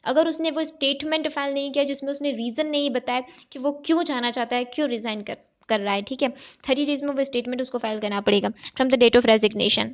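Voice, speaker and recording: This recorded exam-prep lecture features a woman tutoring chartered accountancy in a high voice, a little fast and with few pauses. She walks through the material step by step, posing questions and answering them, with frequent "okay" check-ins. The sound quality is dull and lo-fi.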